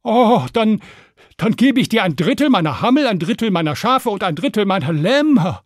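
Man putting on a high wailing shepherd, all woe-is-me, storybook style. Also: big pitch swings, normal speed, no echo, clean studio sound. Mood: eager. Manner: lamenting, whiny. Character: wailing old male shepherd, helpless and despairing.

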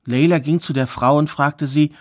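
A male storyteller recounts a fairy tale in a measured, expressive voice. He paces the story with pauses for effect and lets his voice rise on the dramatic turns. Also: fairly high pitch.

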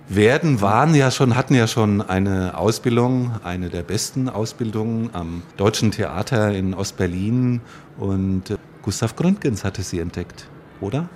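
A man's voice: lowish voice, a little mellow, slight background noise. Male interviewer asking leading questions. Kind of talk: radio interview.

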